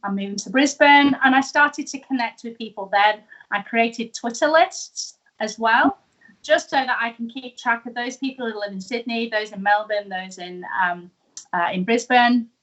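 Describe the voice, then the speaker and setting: A British woman from the UK, an entrepreneur guest on a live video show, tells her story over a video call in a casual, upbeat interview. Her voice is fairly high, a bit bright, and moderately paced; she's chatty and laughs easily, though the audio is poor.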